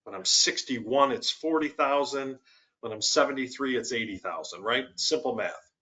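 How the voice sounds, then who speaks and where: A man's voice: medium pitch, normal speed, pushed and bright. A man explaining money principles on a webinar, walking through worked examples with emphasis. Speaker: financial executive guest.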